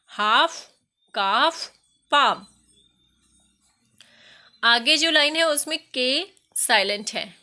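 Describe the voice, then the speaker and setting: A woman teaching an English lesson in a bright, slightly high voice. She takes her time, reading sentences slowly and loudly and spelling words out letter by letter for her students. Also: lively intonation. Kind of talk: recorded classroom lesson.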